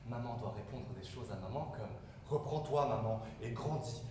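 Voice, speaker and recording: An actor playing an anxious, touchy parent figure in a live stage play, declaiming and swinging between hushed and loud. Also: male voice, mid-range voice, animated, moderate pace, natural voice. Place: theatre stage. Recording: echoey hall from far off, room hiss.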